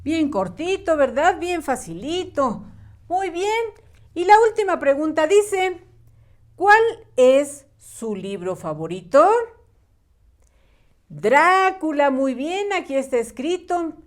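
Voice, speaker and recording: A woman teaching young children to read and write, patient and clear, drawing out her words in a sing-song way. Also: high-pitched, sing-song, slow pace, pauses often. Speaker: primary school teacher. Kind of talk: slow, clear early-reading lesson for small children.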